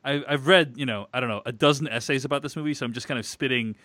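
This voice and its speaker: A man hosts a podcast, rambling through a film in casual discussion with lots of restarts and fillers. His medium-pitched voice comes out fast, pushed and bright, with no echo.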